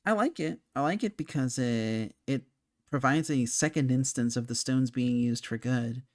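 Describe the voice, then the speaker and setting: A young man chatting casually about a video game, thinking out loud as he goes. He rambles, trails off and restarts his sentences, with a hiccup slipping in here and there. His voice sits at an everyday middle pitch for a man. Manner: rambling, frequent fillers and restarts, thinking aloud. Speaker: game commentator. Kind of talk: casual spoken game discussion.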